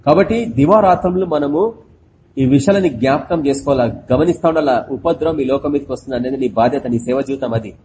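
A man preaching a sermon, explaining slowly and talking straight to his listeners, then crying out the words he quotes. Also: medium pitch, warm tone, slight background noise. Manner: addresses listeners directly. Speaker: pastor.

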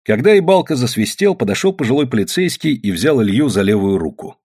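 A man reads an audiobook in scripted narration. His husky voice moves with a lively pitch, and he keeps a measured storytelling pace.

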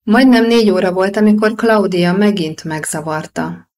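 A woman narrating a novel as an audiobook in a steady, even storytelling manner. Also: mid-range voice.

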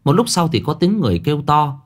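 A man narrating a ghost story in an expressive storytelling manner. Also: a little high, fast talker.

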